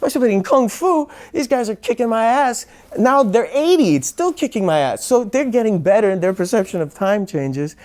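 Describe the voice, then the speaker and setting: A man in his thirties, a martial arts teacher, telling a lively story as an interview guest. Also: high voice, normal speed, hardly any pauses. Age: 30s. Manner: lively, builds up the tension of the story. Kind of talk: animated storytelling.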